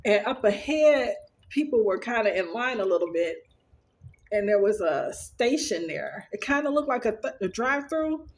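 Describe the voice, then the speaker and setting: Woman vlogger, mid-pitched, casual and rambling storyteller, earnest. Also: sing-song, moderate pace. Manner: rambling, with many fillers and restarts. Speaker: vlogger sharing her dreams.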